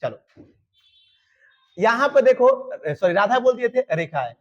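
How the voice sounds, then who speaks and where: A man teaching an exam-prep grammar lesson, lively and colloquial, often asking his students rhetorical questions. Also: very high voice, measured pace, lo-fi sound. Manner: colloquial and teasing. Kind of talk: online exam-prep lecture.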